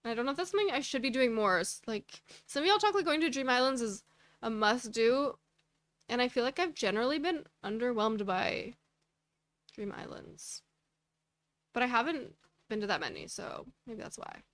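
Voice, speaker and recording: A woman's voice: on the high side, very animated, moderate pace, fairly bright tone, dry recording. A woman streamer chatting casually while playing a game and answering viewer chat with rambling asides.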